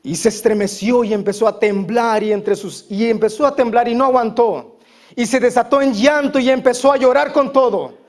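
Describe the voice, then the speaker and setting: A man preaching at a church service with a strikingly high voice for a man. He stacks phrase on phrase in an emphatic, repetitive preaching cadence, pressing each point home. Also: steady tone, moderate pace. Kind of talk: sermon.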